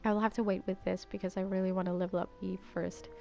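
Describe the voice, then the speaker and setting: This gaming YouTuber is a young Danish woman from Denmark who speaks English with an Americanized accent, rambling casually in a Valley Girl style as she talks over her gameplay. She speaks quickly in a mid-range, creaky, mellow voice with little pitch movement, and there's faint music in the background.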